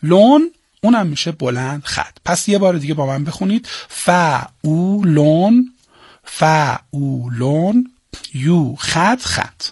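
Male teacher, lively pitch, husky voice, dry close sound, chants and dictates to a class. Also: no room sound. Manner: chants meter syllables slowly and dictates to students. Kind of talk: classroom lesson on Persian prosody.

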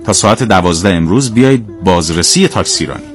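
A man doing a polite, formal, composed gentleman. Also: deep voice, expressive, soft background music. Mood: polite firm. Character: polite composed middle-aged male taxi inspector.

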